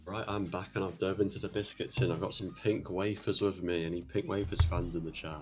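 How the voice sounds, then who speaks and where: A man's voice: low voice, steady tone, brisk, a little mellow, soft background music. A young man co-commentating a chess stream in an easygoing way, mostly giving short agreeing replies.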